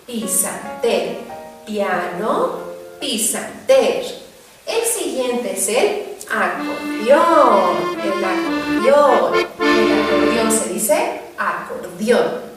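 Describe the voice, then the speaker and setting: A woman teaching a children's Hebrew lesson, naming each word slowly and clearly and repeating it. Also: medium pitch, expressive, over loud music. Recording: echoey room, heard from a distance.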